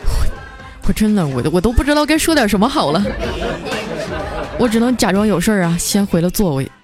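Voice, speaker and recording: A woman host narrating a funny everyday story in a playful, animated way. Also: mid-range voice, a little fast, over music, a crowd in the background. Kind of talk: comic bedtime story narration.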